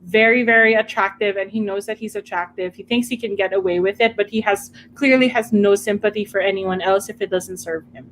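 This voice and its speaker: A woman chatting casually about books as a club member, in a halting, thinking-aloud manner. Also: medium pitch, fairly even intonation, slight background noise, rough recording. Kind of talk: casual book chat.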